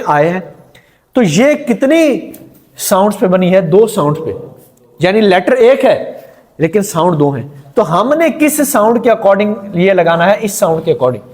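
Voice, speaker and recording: Slow-talking, high-voiced male teacher. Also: a little mellow. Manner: asks the class questions and repeats answers. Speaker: English grammar teacher. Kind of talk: classroom lecture.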